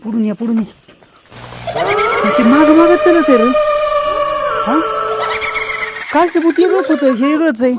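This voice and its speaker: A man acting in a village comedy skit, urging and hushing the children around him with bossy commands. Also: very high voice, moderate pace, pauses often, very noisy. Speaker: adult leading children in a skit. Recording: loud music behind the voice.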